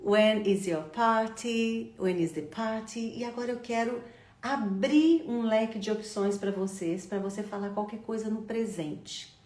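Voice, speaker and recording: A middle-aged woman teaching an online English lesson, repeating phrases slowly for her students. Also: on the high side, darkish tone. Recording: echoey room.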